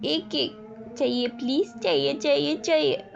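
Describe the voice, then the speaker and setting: A woman's voice: high voice, fairly even intonation, a little slow, creaky, dull audio, voice pushed up, exaggerated voice. Woman doing a whiny, childish pregnant spouse. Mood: sulky demanding. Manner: whining, pleading, teary.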